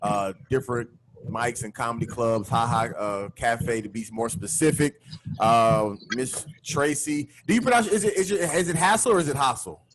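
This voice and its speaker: A man's voice: medium pitch, normal speed. Laid-back man hosting a video call podcast. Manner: laid-back, slangy, lots of fillers. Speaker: podcast host. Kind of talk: casual chat.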